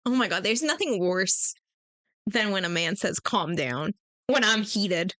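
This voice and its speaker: Animated, bright-voiced woman podcaster. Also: mid-range voice, normal speed, dry recording. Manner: blunt, animated, swears freely. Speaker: podcast co-host. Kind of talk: casual chat.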